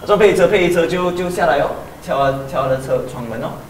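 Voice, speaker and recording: A man telling a story in a casual group chat, animated and full of restarts. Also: a little high, fast talker. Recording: roomy, distant mic, noisy.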